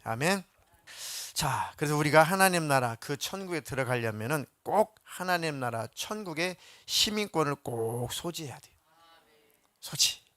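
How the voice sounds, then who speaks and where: Animated male pastor preaching. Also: a little high, moderate pace, dry recording, clean studio sound. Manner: animated, acts out biblical quotes in voices; asks the congregation questions. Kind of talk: sermon.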